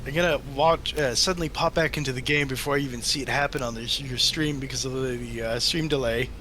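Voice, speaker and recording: A man's voice: medium pitch, fairly even intonation, quick pace, pushed and bright. A man playing a game with friends, chatty and explaining at length. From Canada. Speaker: co-player. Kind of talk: casual gaming chat. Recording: noisy game audio behind voice.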